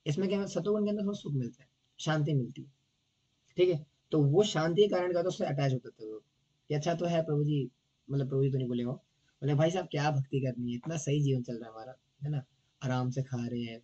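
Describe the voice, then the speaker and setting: A hoarse man teaching a devotional scripture class in a casual, chatty way, often teasing and checking in with his listeners. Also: medium pitch, dark tone, highs cut off.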